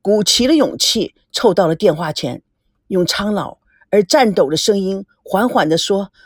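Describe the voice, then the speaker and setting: A woman narrating a novel as an audiobook, expressive and voicing the young characters too. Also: medium pitch, normal speed, slightly rough, no room sound, clean studio sound.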